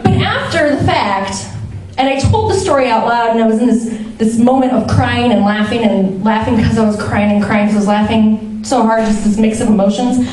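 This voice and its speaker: A woman telling a funny personal story on stage, animated and self-mocking, laughing as she goes. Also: fairly high pitch, normal speed, hardly any pauses, distant mic. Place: stage before a live audience. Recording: roomy hall, mic from afar, audience. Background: audience laughter.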